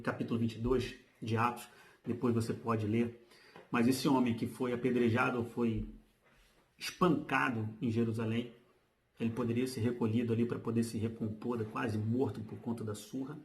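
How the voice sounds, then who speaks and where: A man preaching a sermon, reading Bible passages aloud and then explaining them in relaxed, everyday speech. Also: medium pitch. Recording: roomy, echoey.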